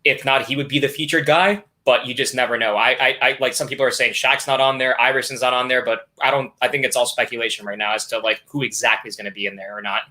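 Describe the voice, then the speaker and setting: Talking fast with hardly any pauses, a young man from South Florida chats casually as a guest streamer on a live stream. His medium-pitched voice holds a steady tone that is bright and forceful, and his upbeat, easygoing manner is full of fillers.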